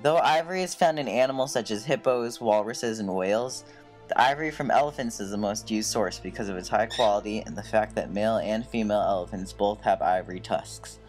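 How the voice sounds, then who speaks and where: A man with a fairly low voice reads scripted documentary narration. Faint music runs behind him as he speaks. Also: a little fast, a little mellow.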